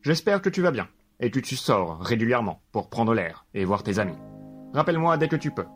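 A man's voice: mid-range voice, very animated, a little fast. Man doing a pompous dad leaving a voicemail. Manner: rambling, pompous, absurdly earnest monologue. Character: eccentric self-important father, a would-be detective. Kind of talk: comedic voicemail sketch. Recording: music playing underneath.

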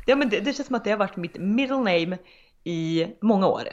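A woman's voice: mid-range voice, expressive. A woman in a casual chat, talking frankly and emphatically and swearing casually. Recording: dull lo-fi sound.

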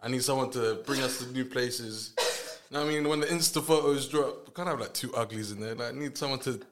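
A man's voice: medium pitch, fairly quick. A young man in his twenties with a London roadman street accent, bantering casually and jokily in slang, often repeating his phrases. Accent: London, urban street style. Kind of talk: casual banter among friends. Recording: echoey room with faint background noise.

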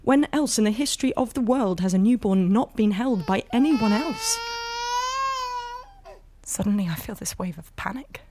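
An actress playing an exhausted, tender and anxious new mother, telling her inner thoughts in a hushed, confessional voice. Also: fairly high pitch, very animated, normal speed, slight background noise. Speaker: narrator. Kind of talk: intimate dramatic monologue.

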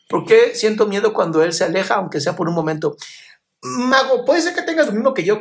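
A man with a voice a little higher than most men's hosts a live chat, going through viewer questions one by one. He answers bluntly but affectionately, calling his listeners "my love" as he gives emotional advice. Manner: frank, direct advice. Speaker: live stream host giving emotional advice.

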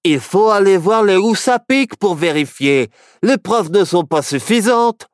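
A man's voice: fairly high pitch, lively intonation, measured pace, no echo, studio quality, voice pushed up. A man voicing a level-headed young man who doubts and protests, in a storybook reading. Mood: skeptical. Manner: reasoning, protesting.

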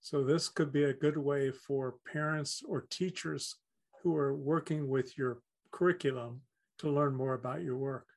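A man with a gravelly voice hosts the interview. He keeps his questions brief and plain. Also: mid-range voice, fairly even intonation, unhurried.

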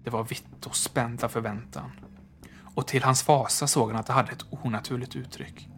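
A man narrating a horror story in a measured, hushed manner. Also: mid-range voice, steady tone.

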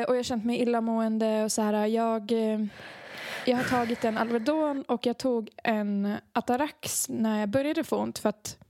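A woman's voice: on the high side, a little mellow, dry recording, clean studio sound. A young woman in casual chat, animatedly telling a story, acting out the dialogue and laughing often. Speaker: podcast co-host, songwriter.

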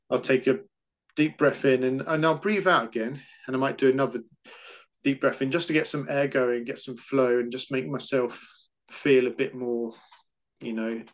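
A man who stammers answers questions in a casual interview, repeating syllables and words as he goes. His voice is mid-range and the audio sounds dull.

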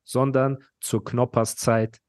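A man's voice: medium pitch, little pitch movement, takes it slowly, a little mellow, no echo, studio quality. A man hosting a podcast, telling stories and ranting casually in long, nonstop chatty runs full of slang. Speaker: podcast host.

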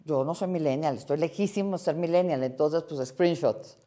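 Woman telling a story, mellow voice, acts out the back-and-forth. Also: low voice, normal speed. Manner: lively, acts out quoted dialogue. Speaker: interviewee. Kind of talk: animated storytelling in an interview.

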